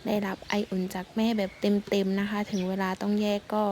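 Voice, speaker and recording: A woman's voice: medium pitch, completely flat delivery, fairly quick, a little mellow. A woman, chatting politely to camera as she films elephants outdoors. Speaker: elephant keeper filming a vlog. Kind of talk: casual narration to camera. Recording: noisy outdoor recording.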